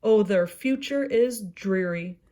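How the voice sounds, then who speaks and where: A woman's voice: mid-range voice, takes it slowly, warm tone, natural voice. Woman voicing the Lorax, an indignant forest creature. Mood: mournful, reproachful. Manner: emphatic, accusing. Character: indignant, scolding male forest creature guarding nature.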